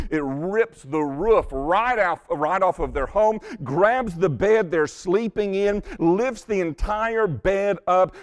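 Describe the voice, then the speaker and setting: A man preaching a sermon, telling stories with animated delivery, often repeating words as he starts a phrase and dropping to a hushed, intense tone for emphasis. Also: a little high. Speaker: pastor.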